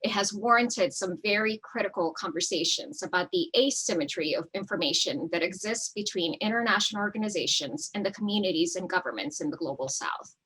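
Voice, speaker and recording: A woman from El Salvador delivers a prepared statement in a measured, steady way. Her voice is bright and a little husky, and she speaks over a video call. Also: on the low side, poor audio. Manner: measured, reading prepared remarks. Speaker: nonprofit founder, debate panelist. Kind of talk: prepared opening statement in an online debate.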